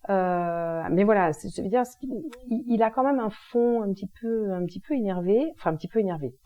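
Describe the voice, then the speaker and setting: A woman's voice: mid-range voice, a little fast, muffled recording. A woman explaining astrology in a casual, chatty monologue, using informal slangy expressions. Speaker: energy healing and astrology presenter.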